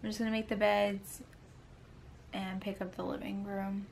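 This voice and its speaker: A woman's voice: medium pitch, flat delivery, moderate pace, creaky, a little mellow, slight background noise. A woman in her twenties talking casually to camera as a stay-at-home mom at home, rambling and tired, often sighing between thoughts. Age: 20s. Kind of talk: casual vlog chat to camera.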